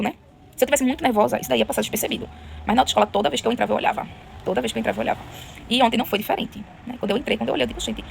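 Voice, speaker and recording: A woman's voice: mid-range voice, gravelly, a little hiss or hum. A woman, chatting to camera and acting out the voices of the people in her story. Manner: chatty, lively, retells scenes with quoted voices. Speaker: vlogger.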